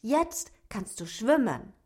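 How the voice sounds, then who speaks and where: A woman's voice: a little high, very animated, slow pace, darkish tone, slightly rough, full character voice. A woman voicing a young boy who speaks eagerly and kindly in a children's story. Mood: friendly.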